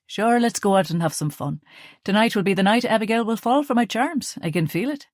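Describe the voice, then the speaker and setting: A woman's voice: medium pitch, brisk, no echo, clean studio sound, pitched above the performer's own voice, natural voice. A woman voicing a cheerful young brother. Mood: jaunty. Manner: playful, teasing, loud and lively. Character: young man, cheerful joking kid brother. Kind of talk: audiobook character reading.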